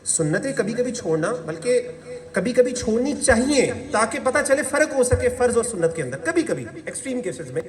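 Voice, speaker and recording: A man's voice: very high voice, fairly quick. A man from Pakistan giving a motivational religious talk as guest speaker, telling stories with asides and jokes. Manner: animated storytelling with asides and jokes. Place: university hall. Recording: distant mic in reverberant hall.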